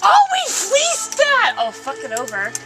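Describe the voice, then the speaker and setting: A woman's voice: very high-pitched, wildly swooping pitch, unhurried. A woman chatting casually at a party in rowdy, profane banter. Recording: loud music behind party chatter. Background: loud music.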